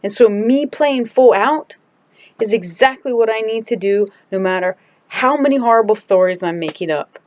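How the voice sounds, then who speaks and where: A woman's voice: on the high side, normal speed, a little mellow, highs cut off. A woman talking candidly into the camera from home in a casual video diary, emphatic and searching for words as she goes. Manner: candid and emphatic, restarts and trails off. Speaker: vlogger.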